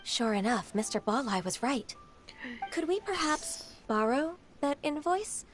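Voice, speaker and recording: Ganyu, a composed, polite official. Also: female voice, high voice, expressive, measured pace, soft background music. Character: calm, dutiful young woman official. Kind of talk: game voice acting.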